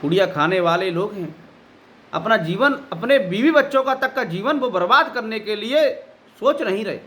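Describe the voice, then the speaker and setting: A man's voice: sits high, lively intonation, normal speed, a bit bright. A male spiritual teacher giving a devotional talk, scolding and admonishing his listeners. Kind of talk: devotional discourse.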